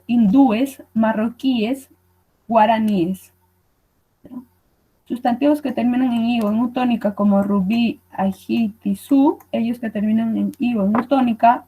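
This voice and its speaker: A woman's voice: a little high, dark tone, breathy edge, low-quality recording. A woman teacher gives a recorded online lesson, explaining patiently and checking in with her students as she goes. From Peru.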